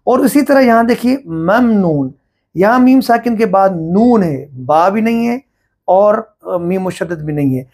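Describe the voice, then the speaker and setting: A middle-aged man teaching Quran recitation rules, explaining each point slowly and step by step. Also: high-pitched, animated, a little mellow. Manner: slow, deliberate, explaining step by step. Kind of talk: religious lesson on recitation rules.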